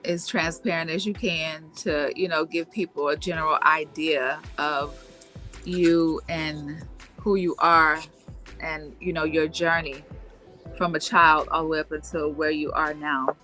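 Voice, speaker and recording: A woman's voice: low-pitched, fairly even intonation, unhurried, sharp tone, faint music behind. A woman hosting a casual talk show, laid-back and full of fillers like "you know" and "um". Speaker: host.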